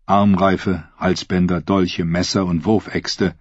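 A man narrating a fantasy audiobook in a measured, dramatic reading style. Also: low voice, little pitch movement, breathy edge, no room sound, dull audio.

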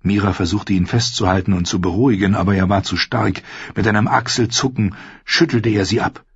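A man narrating an audiobook in an even, steady storytelling manner. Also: lowish voice, brisk, breathy edge, no echo. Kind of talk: scripted narration. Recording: dry, dull lo-fi audio.

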